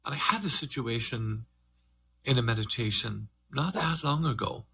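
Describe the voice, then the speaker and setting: This older man from Ireland, a meditation teacher, tells his own story earnestly and thoughtfully to a group, his tempo swinging from slow to fast. His voice is medium-pitched, gravelly and slightly rough, with a bright, forceful tone.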